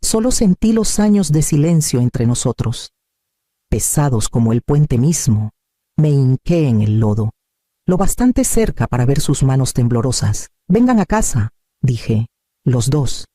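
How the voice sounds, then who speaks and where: A man, calmly narrating a scripted first-person story. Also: mid-range voice, no echo, studio quality. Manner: calm, measured storytelling.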